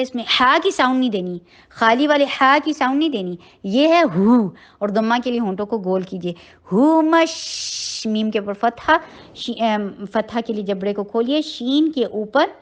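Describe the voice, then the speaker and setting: A woman teaching Quran recitation, slowly drawing out the verses between patient, encouraging explanations. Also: medium pitch, muffled recording. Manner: slow drawn-out recitation between patient spoken instructions; gentle, encouraging. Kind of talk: tajweed lesson, recitation with explanation.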